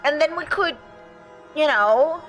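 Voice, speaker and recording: A woman livestreamer giving casual, expressive game commentary and swearing freely. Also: sits high, slow. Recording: game music behind the voice.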